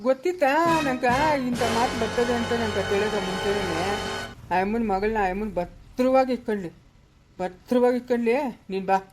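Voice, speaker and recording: A woman's voice: fairly high pitch, normal speed, loud music behind the voice, lightly acted. A woman playing a stern scolding village father. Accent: Chikkaballapur Kannada. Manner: scolding, commanding.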